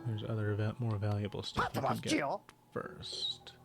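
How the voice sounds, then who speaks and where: A man streaming a video game, thinking aloud in a relaxed, muttering way. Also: fairly low pitch, unhurried, gravelly, music in the background. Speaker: gaming streamer. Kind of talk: let's play commentary.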